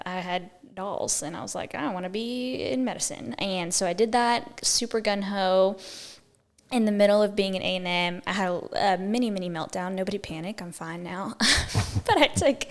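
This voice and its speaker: Texan woman, 20s, podcast guest, lowish voice, easygoing chatter. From Houston, Texas. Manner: chatty, self-deprecating, laughs easily. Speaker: podcast guest, business owner. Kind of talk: casual interview chat.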